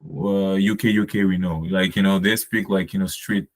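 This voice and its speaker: A man's voice: low-pitched, steady tone, normal speed. A man from Cameroon, a podcast guest, talking casually and rambling with many fillers and restarts. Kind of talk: casual conversation.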